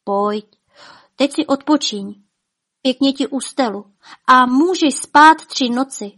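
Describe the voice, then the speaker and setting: A tender, eager young queen from a spoken fairy tale, as a woman storyteller voices her. Her voice rises well above the narration, light and bright. She speaks with loud, lifted phrases. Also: sits high, pitched above the performer's own voice.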